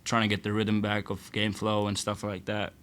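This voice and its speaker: A young college basketball player answering postgame questions casually, sometimes searching for words and restarting. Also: male voice, lowish voice, completely flat delivery, moderate pace, a bit bright. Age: young adult. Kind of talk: postgame press conference answers.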